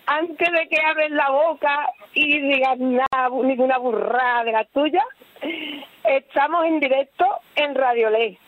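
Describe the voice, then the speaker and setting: A woman's voice: high voice, measured pace, dry recording. A woman on a live radio phone call, talking to her sister in an earthy, slangy, affectionate way. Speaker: radio show guest calling her sister. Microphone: telephone. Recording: tinny dry phone line.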